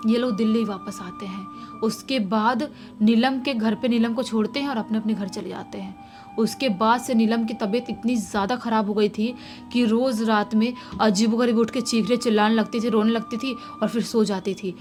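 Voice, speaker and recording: A woman casually retelling a subscriber's horror story in a lively way, acting out the shouted quotes. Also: fairly high pitch, normal speed. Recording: faint music underneath.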